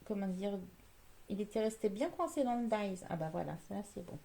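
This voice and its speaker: Gravelly-voiced woman demonstrating card making. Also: medium pitch, lively intonation, fairly quick, dark tone. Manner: chatty, explains each step while working. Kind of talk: live crafting demo, chatting with viewers.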